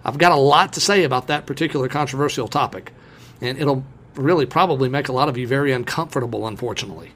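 A male podcast host walks listeners through his subject in a folksy, emphatic manner, calling them his friends. His voice sits somewhat high for a man. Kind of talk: solo explanatory podcast talk.

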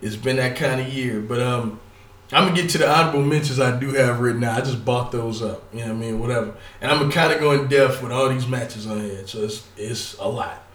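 A man's voice: medium pitch, fast, fairly bright tone, distant mic. Rambling, profane man in an echoey room. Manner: profane, rambling, stuttering, filler-heavy. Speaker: wrestling commentator. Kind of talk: casual solo talk.

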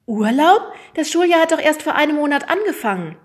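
A woman voicing a brisk, questioning female school headmistress in a children's story. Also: high-pitched, animated, voice pushed up.

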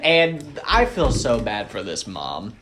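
A man in his twenties hosting a podcast, telling stories casually and jumping into loud acted quotes. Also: medium pitch, big pitch swings, slow pace, a little hiss or hum. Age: 20s. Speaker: podcast host. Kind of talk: casual interview chat.

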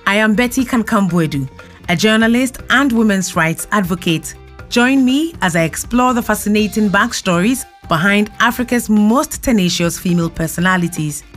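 Woman podcast host, mid-pitched. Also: expressive, moderate pace, fairly bright tone, faint music behind. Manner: asks questions with short affirming interjections. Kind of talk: scripted podcast intro and interview questions.

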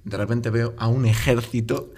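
A man's voice: medium pitch, normal speed. Young man telling a rambling story. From Basque Country, Spain. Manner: animated storyteller, rambling asides. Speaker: podcast co-host. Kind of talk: casual chat among friends.

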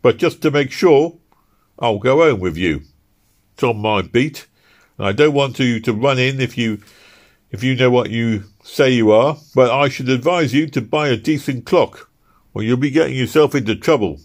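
A man voicing a brusque, suspicious night constable who questions a stranger, raised well above his own reading pitch and louder. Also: moderate pace, lightly acted. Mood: stern. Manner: brusque, interrogating. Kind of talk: audiobook character voice.

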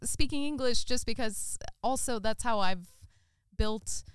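An American woman comedian chatting as a podcast guest, playful and quick to laugh. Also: on the high side, clean tone, no room sound. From United States. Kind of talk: casual chat.

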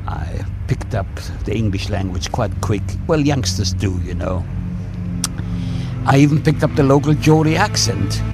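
A man in his seventies gives a personal testimony in a radio interview, reflective and measured with frequent pauses. His lowish voice is expressive, and music plays underneath.

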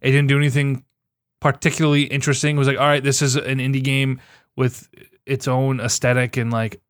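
A man's voice: mid-range voice, no room sound. Young guy ranting sarcastic about awards, swears a lot, dead dry mic sound. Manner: sarcastic, swears, quick and animated. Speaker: podcast co-host. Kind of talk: casual chat.

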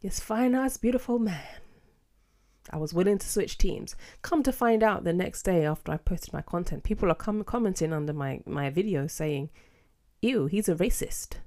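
A British woman hosting a casual solo podcast, with a sassy, theatrical, slangy and expressive way of talking. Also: fairly low pitch, normal speed. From United Kingdom. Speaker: podcast host.

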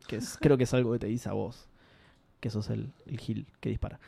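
A man's voice: lowish voice, steady tone, a little fast, gravelly, dark tone, slightly rough. A man with a Rioplatense Spanish accent hosting a casual podcast, reading out listener messages and joking with his co-hosts. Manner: laughing, joking, reads messages aloud.

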